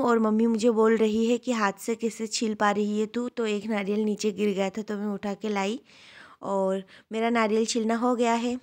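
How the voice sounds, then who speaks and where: A young woman from India, a new mother, chatting casually at home in her vlog and explaining what she shows on her phone camera. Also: on the high side. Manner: chatty, explains while showing things. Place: home, indoors.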